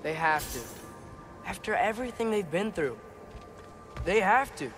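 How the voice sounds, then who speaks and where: An actor playing an earnest, hopeful teenage warrior son in a video game, talkative and searching in manner. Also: male voice, high-pitched, animated, unhurried, fairly bright tone, soft background music. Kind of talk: video game dramatic acting.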